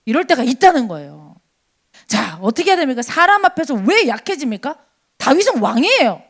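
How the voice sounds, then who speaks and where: A woman preaching a sermon at a church service, asking rhetorical questions and acting out quotes. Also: high-pitched.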